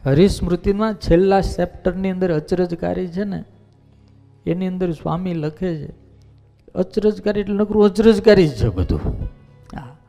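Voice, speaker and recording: A male monk giving a devotional storytelling sermon, lively and folksy, acting out the characters' voices. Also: high voice, moderate pace, vocal fry, pauses often, soft background music. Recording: dull lo-fi recording.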